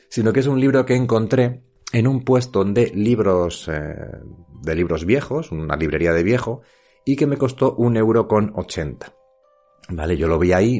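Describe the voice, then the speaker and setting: A man's voice: low-pitched, darkish tone. A middle-aged man with an accent from Spain hosting a literary podcast, speaking directly to the listener in a conversational storytelling way. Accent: Spanish from Spain. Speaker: podcast host.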